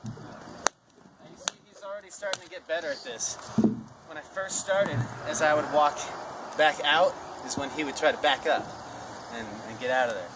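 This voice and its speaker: A man's voice: fairly high pitch, moderate pace. A man giving an informal, step-by-step hands-on training demonstration with running commentary, recorded outdoors. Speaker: horse trainer, instructor. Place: outdoors in wind. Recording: distant mic, loud wind, outdoor noise.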